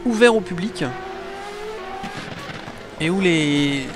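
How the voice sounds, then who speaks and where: A man's voice: sits high, expressive, takes it slowly, music in the background. A man giving live motorsport commentary on a sim race, explaining things to the viewers. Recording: clear background engine noise. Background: race car engines.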